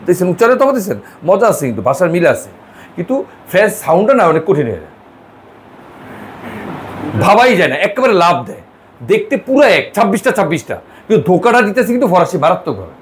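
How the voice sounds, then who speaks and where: A man's voice: sits high, slight background noise. A man teaching French pronunciation in a one-on-one lesson, repeating and correcting sounds with chatty asides. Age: middle-aged.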